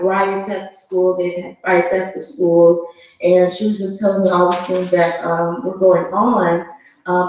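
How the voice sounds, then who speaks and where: Woman calling in by phone for a church testimony, halting with many pauses, a dull muffled line heard from far back in an echoey hall. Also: lowish voice. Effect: phone call voice played over the church sound system, muffled. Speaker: church member giving a testimony. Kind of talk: hesitant spoken testimony.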